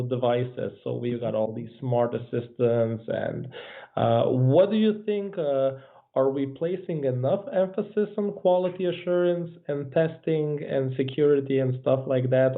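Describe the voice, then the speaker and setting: A man's voice: medium pitch, animated, measured pace, vocal fry. A man hosting a meetup, moderating the Q&A in a casual, hesitant way full of fillers. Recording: tinny phone-like online stream audio.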